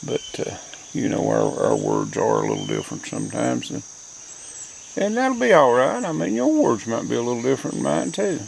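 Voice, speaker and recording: A man's voice: medium pitch, wildly swooping pitch, normal speed, vocal fry, poor audio. An older man with an Appalachian accent, rambling reflectively in a folksy, plainspoken mountain dialect. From Appalachian mountains, southern US. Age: older, grandparent. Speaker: host. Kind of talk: rambling, reflective front-porch monologue. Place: outdoors, rural porch. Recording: outdoor insect and nature noise.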